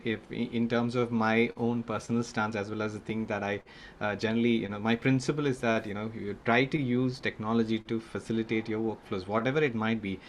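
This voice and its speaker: A podcast host with a lowish male voice asks interview questions hesitantly, full of fillers and self-corrections. There's slight background noise.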